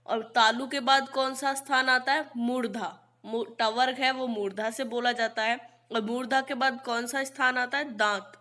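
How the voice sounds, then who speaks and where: A woman teacher explains grammar in a fairly high, bright voice. She spells out letters one at a time, slowly and distinctly. She poses questions and answers them herself. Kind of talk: Hindi grammar lesson.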